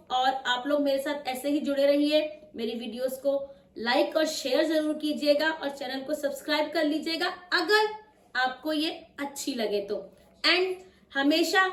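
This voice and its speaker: Female teacher, high voice, patient, repeats words slowly; roomy, off-mic sound. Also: distant mic. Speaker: English pronunciation teacher. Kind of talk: spoken lesson. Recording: echoey room, voice off-mic.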